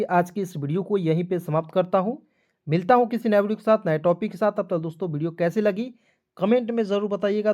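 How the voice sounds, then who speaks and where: A man's voice: sits high, darkish tone. A man giving a step-by-step online spelling lesson, often checking in with his viewers and repeating each step. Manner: repetitive, addresses viewers as friends, checks with "ठीक है". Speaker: online English tutor.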